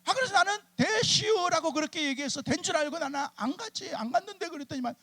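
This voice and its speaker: A middle-aged male pastor telling chatty, animated stories in a sermon and acting out his church members' lines. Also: very high voice, fast talker. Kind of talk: humorous storytelling sermon. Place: church sanctuary at a summer revival meeting.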